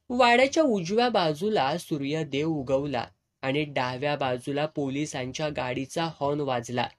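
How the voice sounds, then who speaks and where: A male storyteller narrating a dramatic village tale in vivid, earthy rural language. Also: a little high.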